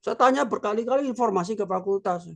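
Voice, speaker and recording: A man in his sixties, a philosophy professor, giving an informal lecture in a slow, reflective way with many filler words. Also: sits high, vocal fry, fairly bright tone. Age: 60s. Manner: unhurried, reflective, with frequent filler "ya".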